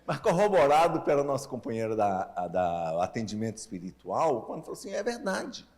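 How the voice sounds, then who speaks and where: Animated Brazilian man in his sixties, slightly slurred. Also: mid-range voice, a little fast. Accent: Brazilian Portuguese. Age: 60s. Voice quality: tongue-tie speech impediment, slightly slurred articulation. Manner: animated, checks in with listeners using short tag questions. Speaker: speaker leading a Spiritist family-ministry session. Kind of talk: informal lecture with rhetorical questions.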